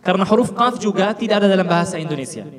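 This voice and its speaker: A high-pitched man teaches Quran recitation, repeating each syllable carefully to model it and quizzing the room. His voice rings with a long hall reverb, and a crowd is clearly audible behind him. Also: lively intonation. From Palestine. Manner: deliberate, repeats sounds to model pronunciation, quizzes listeners.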